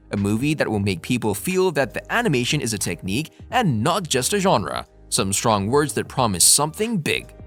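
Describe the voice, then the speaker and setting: A man's voice: mid-range voice, fairly bright tone. A man reading a scripted movie-news narration as the narrator. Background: faint music.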